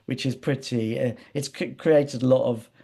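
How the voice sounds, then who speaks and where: A man appears as an interview guest, his mellow, relaxed voice sitting at an average pitch with a gravelly, breathy edge. Speaking at a moderate pace, he rambles through anecdotes in a hesitant, digressive way, repeating words and doubling back.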